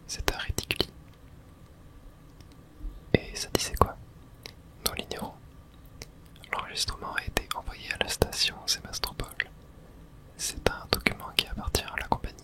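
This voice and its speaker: A video game streamer and host does a whispered ASMR playthrough, speaking in a soft, breathy, unvoiced whisper.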